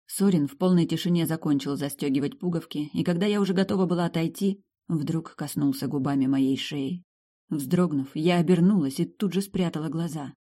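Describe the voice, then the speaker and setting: A woman reading a first-person romance fantasy novel aloud as an audiobook narrator, with lively shifts in tone. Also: deep voice, a little fast. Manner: lively, sharp tone shifts between quips and narration.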